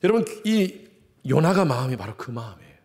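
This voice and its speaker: A man's voice: mid-range voice, sing-song, brisk, a little mellow. A man preaching a Sunday sermon in a church, putting questions to the congregation and acting out the voices of the people he quotes. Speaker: pastor. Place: church sanctuary.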